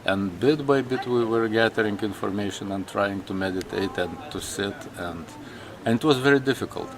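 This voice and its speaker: A man from Lithuania with a Lithuanian accent, a native Lithuanian speaker, telling his story in an interview in slow, halting English full of restarts. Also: fairly low pitch, a crowd in the background. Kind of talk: personal interview.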